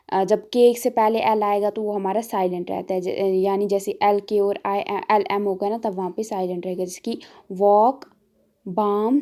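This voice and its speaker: A woman tutor talks through an exam-prep lesson. Her voice is mellow and warm. She explains patiently and slows down to repeat each example word. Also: mid-range voice.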